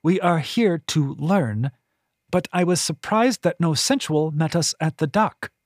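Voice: medium pitch, lively intonation, unhurried, dry recording, clean studio sound, pitched above the performer's own voice. A narrator voicing a proud, hot-tempered young noblewoman who speaks in a clipped, restrained way. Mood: restrained anger.

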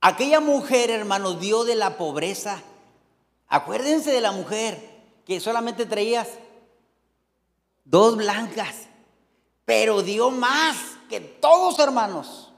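A man with a Mexican accent preaching a fervent sermon as pastor, calling out to his brothers and sisters with lively asides. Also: sits high, takes it slowly, vocal fry, long pauses. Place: church hall. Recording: long hall reverb.

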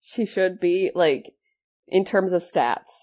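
A woman co-host keeps cutting in with teasing remarks during a relaxed group chat. Her voice sits a little low. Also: takes it slowly. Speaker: podcast co-host. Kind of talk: casual chat.

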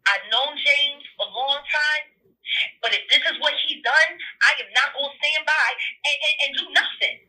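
High, bright woman heard over a phone line. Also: moderate pace. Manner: blunt, profane, repeats herself for emphasis. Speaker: caller. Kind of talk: heated phone conversation. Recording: phone call audio.

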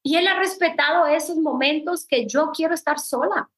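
A woman's voice: high voice, normal speed, fairly bright tone, poor audio. A middle-aged woman giving a mentoring talk, emphatic and repetitive, speaking straight to her listeners. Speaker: mentor in a network-marketing business. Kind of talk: mentoring talk, personal advice.

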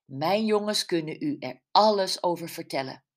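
A woman's voice: fairly low pitch, moderate pace, close to an everyday voice. A woman putting on an eager newcomer mother. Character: newly arrived mother, eager and hopeful.

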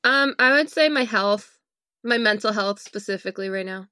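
A woman from Massachusetts, a podcast guest chatting casually, giving brief, soft-spoken answers and laughing often. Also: mid-range voice, normal speed, no echo. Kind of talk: casual chat.

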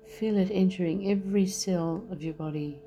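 A woman leading a guided meditation, speaking softly and soothingly as she talks the listener through relaxing the body. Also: lowish voice, muffled recording. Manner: slow, soft and soothing. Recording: soft music underneath.

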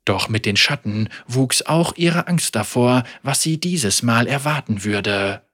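Slow, husky male storyteller. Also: medium pitch, expressive, fairly bright tone. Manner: slow, measured and dramatic. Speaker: audiobook narrator. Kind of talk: scripted story narration.

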